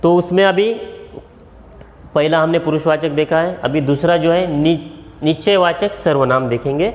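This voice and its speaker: A male school teacher with a Marathi accent, giving a grammar lesson and repeating each example slowly, step by step. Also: on the high side. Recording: echoey room with long reverb.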